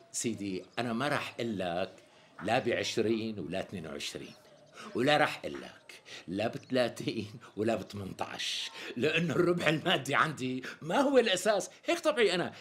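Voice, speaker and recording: An actor playing a smooth-talking, evasive tailor in a TV sketch comedy, speaking with a Damascene Arabic accent and chuckling salesman patter. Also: medium pitch, lively intonation, brisk, fairly bright tone, close to an everyday voice. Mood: sweet-talking. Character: smooth-talking flattering middle-aged male tailor.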